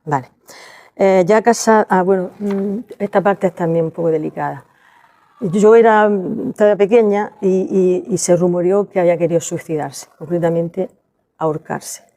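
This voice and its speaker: An older woman with a lilt tells personal memories to a listening group. Her voice is low and mellow, and she speaks haltingly, stopping often to restart a phrase. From Spain. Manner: halting, with many restarts and fillers. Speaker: storyteller at a library event. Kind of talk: personal storytelling to an audience.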